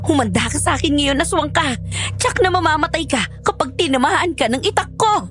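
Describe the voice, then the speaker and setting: A tearful, very high young wife. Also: male voice, expressive, fairly quick, a bit bright, faint music behind. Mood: defiant. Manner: pleading, emotional, tearful. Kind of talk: audio horror story acting.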